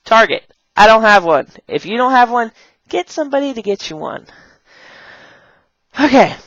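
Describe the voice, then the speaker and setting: A woman's voice: on the high side, sing-song, moderate pace, no room sound. A young woman who teaches English online chats in a bubbly, rambling way, recorded on a dull camera mic at home. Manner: bubbly and rambling, jumps into playful kid voices. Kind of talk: casual vlog chat showing props. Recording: dull, dry camera audio.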